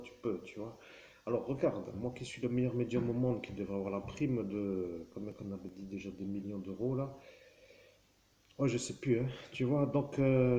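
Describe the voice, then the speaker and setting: A man's voice: on the low side, dark tone. A man giving a rambling monologue straight to the viewer, constantly checking in with the listener and wandering off track with fillers and self-corrections. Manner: rambling, keeps addressing the listener with "tu vois". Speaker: vlogger. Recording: roomy echo with faint background noise.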